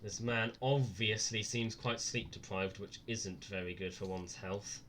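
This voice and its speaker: A man's voice: fairly low pitch, flat delivery, a little slow, a bit bright, slight background noise. A scared, nervous man giving live horror game commentary with dry sarcasm and frequent swearing.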